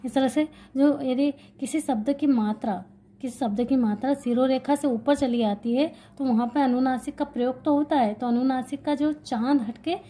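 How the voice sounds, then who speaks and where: A woman's voice: high voice, moderate pace, warm tone. A woman teaching an exam-prep grammar lesson, explaining while writing and repeating key points, asking questions and answering them herself.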